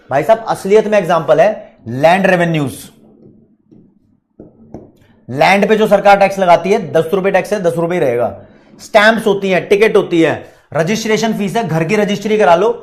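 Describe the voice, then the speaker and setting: High-pitched chatty Indian male teacher. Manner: chatty, repetitive, mixes English terms into Hindi; addresses students directly, reads their questions. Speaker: commerce exam teacher. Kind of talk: online exam-prep lecture.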